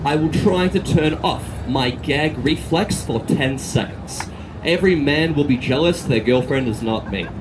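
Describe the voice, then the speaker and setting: A man's voice: a little high, unhurried. A man with an Australian accent giving a sword swallower's comedic street show patter, cheeky and teasing as he addresses a crowd. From Australia, from Melbourne. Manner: cheeky showman, teasing the audience and volunteer. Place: outdoor city street. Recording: outdoor street noise with traffic.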